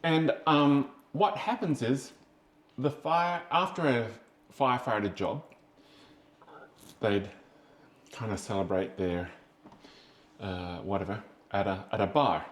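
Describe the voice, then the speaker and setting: A man's voice: lowish voice, slow, pauses often, a little hiss or hum. A man with an Australian accent co-hosting a casual podcast chat, talking in a loose, chatty way with fillers and easy laughter. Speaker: podcast co-host. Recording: echoey room.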